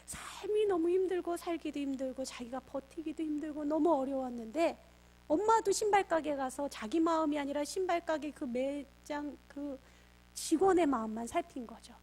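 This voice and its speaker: A woman's voice: high voice, normal speed. A middle-aged woman pastor giving a lecture on parenting, telling family stories and acting out what each person said. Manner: lively storyteller acting out quoted family dialogue. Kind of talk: storytelling lecture for parents and teachers.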